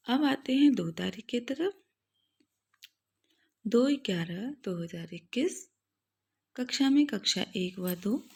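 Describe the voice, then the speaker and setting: Breathy Indian woman reading out a teacher's diary. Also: medium pitch. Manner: steady, list-like reading with short pauses. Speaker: primary school teacher.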